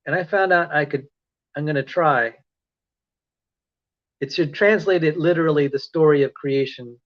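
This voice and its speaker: A man's voice: a little high, normal speed. Chatty man with a dull lo-fi sound. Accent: American. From Philippines. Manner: rambling, self-correcting, chatty. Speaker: online lecturer. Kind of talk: casual livestream talk. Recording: dull lo-fi stream audio.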